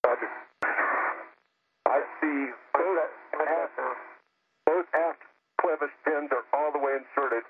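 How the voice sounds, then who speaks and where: A man working a spacewalk, giving calm, clipped radio chatter over a crackly space-to-ground loop. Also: fairly high pitch, slow, pauses often. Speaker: spacewalking astronaut. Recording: tinny radio line with faint static.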